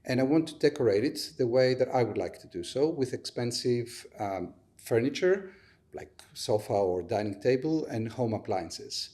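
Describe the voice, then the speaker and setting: A man's voice: medium pitch, animated, moderate pace, warm tone. Methodical man explaining his business. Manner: methodical, builds points with everyday examples. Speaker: fintech startup co-founder as podcast guest. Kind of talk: explaining a business model in an interview.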